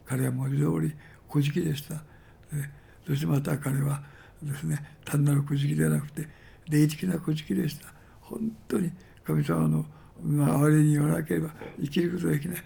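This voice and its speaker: A man's voice: on the high side, fairly even intonation, brisk, gravelly, warm tone, slightly rough. A man preaching a sermon, retelling Bible stories with many fillers and emphatic repetitions. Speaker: pastor.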